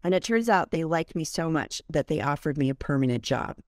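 A woman's voice: low-pitched, expressive, a little fast, a little mellow, no room sound, clean studio sound. A mature woman co-hosting a podcast in a conversational, prepared introductory style. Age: middle-aged or older. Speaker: podcast host and benefits compliance professional.

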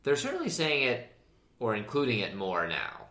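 A man's voice: mid-range voice, moderate pace. A man co-hosting a casual chat podcast, thinking aloud with many fillers. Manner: thoughtful, filler-heavy, lively. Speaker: podcast co-host. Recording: echoey room.

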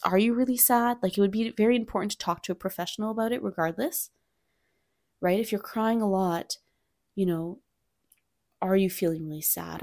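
A woman's voice: medium pitch, creaky. A woman in her thirties hosting a podcast, speaking candidly and reflectively about her own experience, sometimes dropping almost to a whisper. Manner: candid, reflective, softens to near-whispers at times. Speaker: podcast host and coach for mothers. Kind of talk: personal solo podcast talk.

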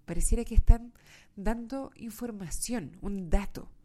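A woman's voice: medium pitch, a little slow, mellow. A woman with a nasal voice, stuffed up from allergies, giving a reflective motivational monologue and addressing the listener directly. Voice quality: nasal, congested voice. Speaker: host of a self-help podcast.

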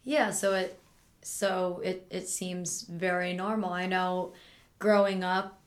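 A woman co-hosting a casual podcast, speaking slowly with a slightly low voice. She talks in a reflective way and laughs easily. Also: steady tone. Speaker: podcast co-host. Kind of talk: casual chat.

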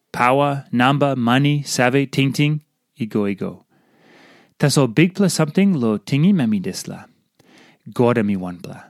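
Male, Papua New Guinean accent, medium pitch, devotional reading, dry recording. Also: no room sound. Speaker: devotional reader. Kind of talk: scripted devotional reading in Tok Pisin.

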